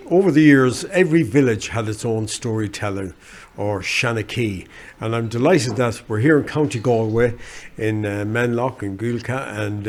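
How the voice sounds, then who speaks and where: An Irish man hosting a television show, informally introducing a performer. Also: fairly low pitch. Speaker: TV show host.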